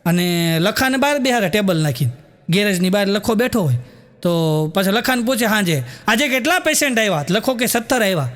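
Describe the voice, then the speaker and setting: A man's voice: sits high, expressive, a little fast, a bit bright. A man with a Gujarati accent, telling comic stories and slipping into quoted voices, chuckling as he goes. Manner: storytelling with acted quotes and frequent chuckles. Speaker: stand-up comedian.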